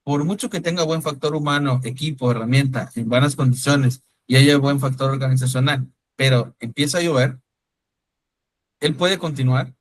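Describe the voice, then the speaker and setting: A man instructs a class conversationally in an online-style lecture, calling on students by name and regularly asking "¿sí me explico?" to see if they're following. His mid-range voice has fairly even intonation at a normal speed, recorded dry and rough.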